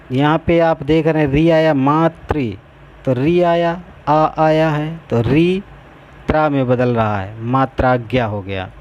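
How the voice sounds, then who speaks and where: A man teaching a grammar lesson, slowly repeating each step as he explains. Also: fairly high pitch, a little mellow. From India.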